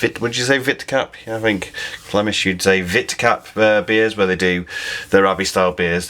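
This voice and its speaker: A man's voice: low-pitched, a bit bright. A man reviewing a beer in a casual video, chatty and rambling, often thinking aloud and correcting himself.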